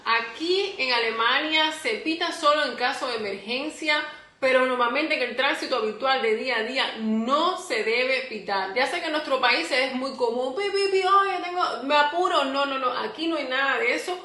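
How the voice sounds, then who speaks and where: A young Cuban woman with a Cuban Spanish accent gives chatty, animated advice in a vlog, acting out little quoted scenes along the way. Her voice is high-pitched and reverberant, at a moderate pace.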